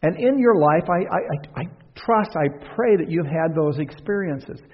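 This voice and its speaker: In a reverberant church hall, captured in a dull-sounding recording, a male pastor preaches in a conversational style. His fairly high voice has lively intonation and a moderate pace, rising and falling as he asks his congregation rhetorical questions in the sanctuary.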